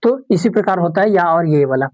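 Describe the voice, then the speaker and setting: A woman teaching a grammar lesson for exam preparation, who repeats example words slowly and asks and answers her own questions. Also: fairly low pitch, lively intonation, a little mellow, highs cut off. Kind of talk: exam-prep classroom lesson.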